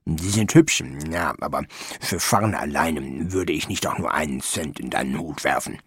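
A man voicing a cranky, grumbling male gnome in a low, muttering voice for an audiobook. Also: normal speed, breathy edge, dry recording, studio quality, heavily acted. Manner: grumbling, skeptical. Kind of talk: audiobook character voice.

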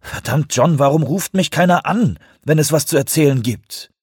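A man's voice: on the high side, expressive, moderate pace, darkish tone, breathy edge, no echo, studio quality, voice pushed up. A man doing a grumpy, snapping male researcher. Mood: irritated. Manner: irritable, snapping outbursts.

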